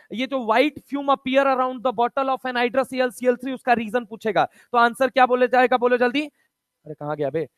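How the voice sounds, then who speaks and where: A man teaching a chemistry lesson, firing quick questions at students, counting aloud and mixing Hindi with read-out English textbook lines in a casual, chummy way. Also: very high voice, a bit bright, no room sound. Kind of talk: online chemistry lecture.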